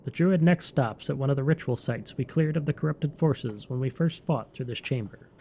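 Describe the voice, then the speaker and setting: A man's voice: mid-range voice, moderate pace, creaky, warm tone, a little hiss or hum. A man narrating scripted fantasy game lore as a storyteller.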